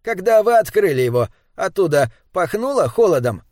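Male reader as a wry, curious writer; measured and insistent, slightly high voice, dry sound. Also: big pitch swings, darkish tone, no room sound. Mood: reasoning. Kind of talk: audiobook character dialogue.

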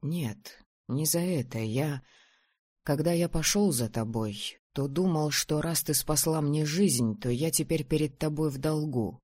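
A reader voicing a tired, tender young man, speaking quietly and slowly in an audiobook, recorded close and dry. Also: medium pitch, no echo, close to an everyday voice. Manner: quiet, slow and heartfelt. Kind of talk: audiobook reading.

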